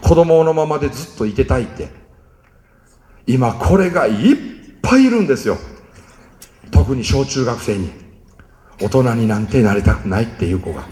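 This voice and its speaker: A middle-aged man with a Kansai Japanese accent giving a lively seminar talk to parents, telling stories and acting out family quotes. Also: mid-range voice. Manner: animated storyteller, acts out family quotes. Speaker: parenting lecturer. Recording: reverberant hall.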